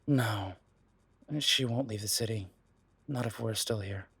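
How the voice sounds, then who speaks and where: In this intimate roleplay audio drama, a man's voice, on the low side with a breathy edge, gives full character to a worried, protective werewolf detective boyfriend. He's soft and reassuring, with hesitant pauses, and the recording has no echo.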